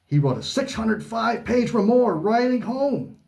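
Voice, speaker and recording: A man's voice: sits high, very animated, measured pace, creaky, a little mellow, voice pushed up, exaggerated voice. A man voicing a brash, boastful pro-wrestler persona who talks in showy wrestling trash talk while co-hosting a book chat. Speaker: co-host.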